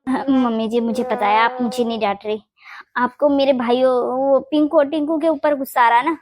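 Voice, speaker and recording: A woman voicing a young, gentle married daughter-in-law in a Hindi cartoon, talking in a soft, pleading way. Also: high voice, fairly even intonation, fairly quick, natural voice. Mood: soothing. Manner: soft pleading, keeps saying "mummy ji".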